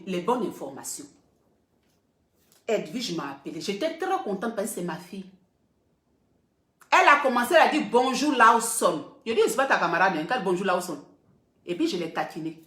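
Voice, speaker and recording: In a casual live video with roomy echo, a middle-aged blogger speaks to her viewers in a slightly bright, mid-range voice. She's emphatic, going back over her points to stress them.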